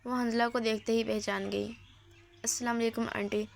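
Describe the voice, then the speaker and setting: A woman's voice: on the high side, little pitch movement, vocal fry, slight background noise. A woman reading a romance novel aloud as narrator, voicing every character's lines in her own voice.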